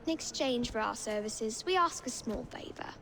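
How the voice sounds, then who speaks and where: A woman's voice: a little high, lively intonation, moderate pace, gravelly, fairly bright tone, a little hiss or hum. A woman playing a shrewd, self-possessed young girl who leads street urchins in a game, with an English accent and precise, businesslike manner. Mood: earnest. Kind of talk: video game cutscene acting.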